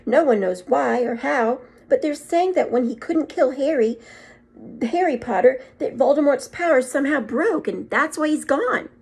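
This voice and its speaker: A woman's voice: high voice, expressive, normal speed, vocal fry, a little mellow, pitched above the performer's own voice. A woman voicing a stern, exasperated older witch professor in a storybook, speaking emphatically and indignantly. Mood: shocked, tearful.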